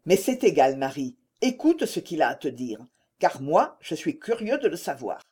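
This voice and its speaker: A woman's voice: sits low, sing-song, moderate pace, mellow, slightly rough, full character voice. A woman voicing an honest, indignant grown peasant ploughman in a read-aloud story. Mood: earnest.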